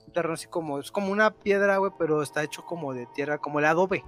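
Lively Mexican man telling a tale. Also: a little high, fast talker, faint music behind. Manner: animated, slangy, mimics shouts while telling a tale. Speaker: storyteller. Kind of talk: casual storytelling chat.

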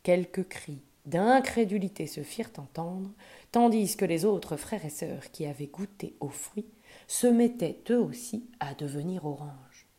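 A woman gently reading a children's wisdom tale aloud, soft and expressive. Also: fairly low pitch, a little slow. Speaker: storyteller.

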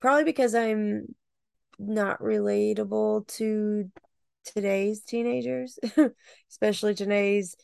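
A woman's voice: mid-range voice, fairly even intonation, takes it slowly, gravelly, darkish tone, clear, resonant tone, dry recording, clean studio sound. A woman chatting casually on a video call about a book, laughing often. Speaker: podcast co-host. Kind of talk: casual book club chat.

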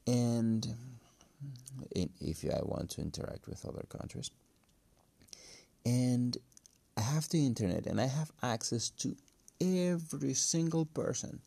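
A man who is a non-native English speaker, talking casually and haltingly in a solo podcast, with a cracking voice. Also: mid-range voice, very animated, creaky, mellow, no echo. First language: not English. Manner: halting, hesitant, thinking aloud. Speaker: podcast host. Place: empty room. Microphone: phone.

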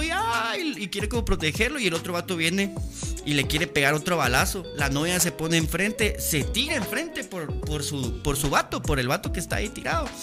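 A young Guatemalan man hosting a podcast, telling stories in casual, slangy, playful chat. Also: high voice. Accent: Guatemalan Spanish. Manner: animated, slangy, playful storytelling. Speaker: podcast host.

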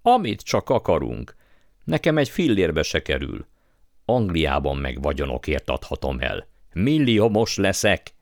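A man voicing a greedy, pompous elderly uncle who gets excitable and boastful. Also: a bass voice, creaky, dry recording, studio quality, heavily acted. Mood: greedy excitement.

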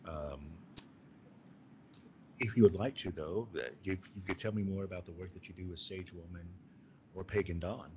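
A man hosting a podcast, speaking in a polite, somewhat formal and measured way. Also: low voice, darkish tone. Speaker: podcast host. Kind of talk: conversational interview hosting. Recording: dull lo-fi audio, clear background noise.

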